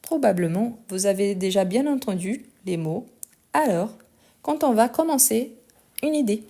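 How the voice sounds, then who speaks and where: Woman, non-native accent, French teacher on a live stream, patient explainer who drifts faster. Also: medium pitch, animated, dark tone. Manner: tends to speed up while talking. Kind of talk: live online language lesson.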